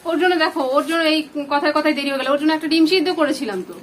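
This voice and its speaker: A woman's voice: sits high, racing, a crowd in the background. A woman playing a mother in a family vlog, scolding and complaining about her daughter. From Bengal. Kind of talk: scripted family drama vlog.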